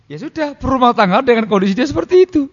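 An Islamic preacher with a very high, breathy-edged voice delivers a religious lecture on marriage, talking fast and expressively. He keeps things conversational, prodding the audience with questions and sometimes acting out what a spouse might say. The audio is dull and has the sound of a large hall.

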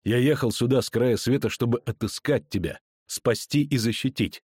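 A man voicing a calm young male knight who speaks softly and with steady resolve. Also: slightly rough, no echo, clean studio sound, lightly acted. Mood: gentle. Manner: soft, measured, low delivery.

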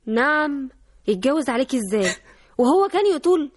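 An actress playing a blunt, sharp-tongued young woman with an Egyptian accent in a radio drama. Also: sits high, sing-song. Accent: Egyptian Arabic. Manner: blunt, quick retorts. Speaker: daughter and fiancée.

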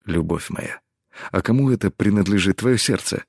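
A man voicing a stern, protective starship captain who speaks low and hushed, in the audiobook's close reading. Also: moderate pace, no room sound, natural voice. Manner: low and hushed, growling when angry.

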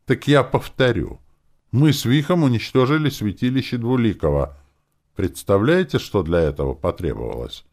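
A headstrong young woman with a sharp, mocking tongue, as a male audiobook reader puts her on. She sits well above the reader's low voice and speaks with loud, insistent force. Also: wildly swooping pitch, moderate pace, creaky, hardly any pauses, full character voice. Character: bold headstrong young woman, defiant daughter.

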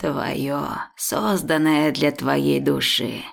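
A woman voicing a wise, stern old village herbalist who gives slow, measured instructions. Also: low-pitched, fairly even intonation, vocal fry, pitched below the performer's own voice, heavily acted. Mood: calm.

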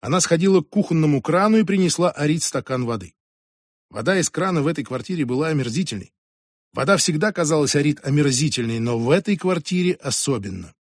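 A man narrating an audiobook in a measured, even storytelling manner. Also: a little high, no echo, studio quality. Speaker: audiobook reader. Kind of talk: scripted narration.

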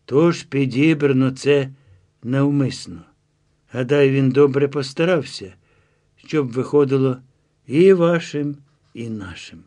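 A man's voice: medium pitch, slow pace, warm tone, lightly acted. A man reading the lines of a chatty, self-assured guide who explains his reasoning with confiding asides.

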